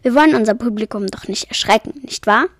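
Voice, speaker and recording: A woman voicing a smug, condescending male theater director who talks in a patronizing, smooth way, in a storybook reading. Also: on the high side, quick pace, dry recording, clean studio sound. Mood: cold.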